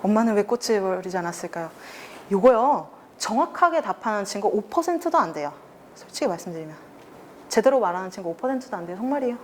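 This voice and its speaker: A woman's voice: mid-range voice, big pitch swings, fast talker, slight background noise. A woman teaching a youth reading club, explaining a story scene by scene, acting out the characters' lines and asking the students questions. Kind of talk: lecture with acted quotes.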